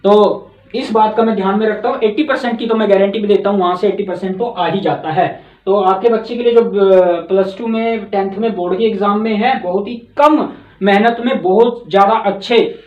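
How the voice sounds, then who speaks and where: A man's voice: high voice, normal speed. A man from Haryana, a tuition teacher explaining his teaching methods in an earnest way, repeating key words as he goes. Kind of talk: explanatory talk. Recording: roomy, dull lo-fi sound.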